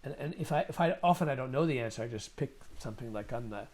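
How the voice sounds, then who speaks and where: A man's voice: mid-range voice, animated, fast, a little mellow. Thoughtful man musing aloud in conversation. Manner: thoughtful, rambling, repeats words while thinking. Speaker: musician and guest. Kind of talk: conversational interview.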